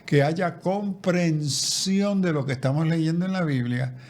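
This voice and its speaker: A man with a slightly high, somewhat slow voice and a darkish tone is a guest theologian in a conversational interview. He sounds reflective and keeps restarting and repeating his words.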